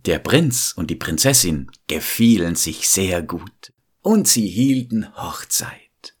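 In a low, slightly rough, sing-song voice, a man narrates a fairy tale, taking it slowly. The storyteller is warm and talks straight to his listeners.

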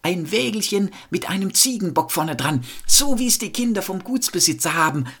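A man voicing a group of eager peasant children who call out excitedly in a storybook tale. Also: high-pitched, moderate pace, slightly rough, voice pushed up, exaggerated voice.

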